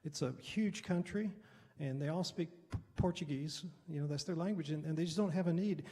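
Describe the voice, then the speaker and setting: A middle-aged American pastor shares personal stories in a loose, halting teaching manner, frequently clearing his throat. His voice is husky and gravelly, sitting on the high side with a mellow quality. The recording carries a long hall reverb.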